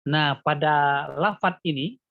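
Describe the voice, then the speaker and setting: A man's voice: on the high side, slow, dry recording, narrow, tinny audio. A man teaching Quran recitation rules one-on-one in an online lesson, patiently quizzing his student with repeated questions. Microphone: video call.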